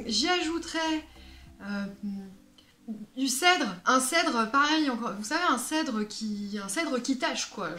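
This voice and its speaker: A woman's voice: on the high side, fairly bright tone. Chatty, playful woman perfume vlogger. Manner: playful, self-mocking, chatty with fillers. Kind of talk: casual vlog chat. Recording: echoey room with faint music.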